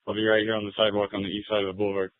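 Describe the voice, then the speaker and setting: A man's voice: fairly low pitch, completely flat delivery, racing, dry recording. A male police officer talking in clipped, informal procedure over police radio on a narrowband scanner feed.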